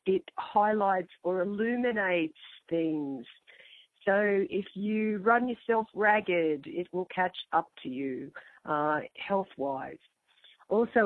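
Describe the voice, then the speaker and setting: A woman with a croaky voice, hoarse from a flu, hosting an astrology talk and chatting informally to her listeners. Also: medium pitch, no room sound. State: getting over flu. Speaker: host and astrologer. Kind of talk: astrology show monologue, casual address to listeners. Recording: thin, phone-like line.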